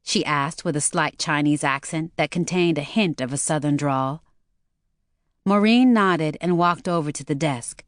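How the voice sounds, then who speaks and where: A woman's voice: sits low, unhurried, dry recording. Woman reading a novel aloud, dry and close. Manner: steady storytelling read. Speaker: audiobook narrator. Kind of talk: scripted narration.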